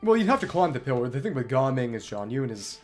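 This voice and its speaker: Talking through tactics analytically to himself, a man streams live gameplay commentary with music behind him. His medium-pitched voice swings widely in pitch, and he speaks quickly.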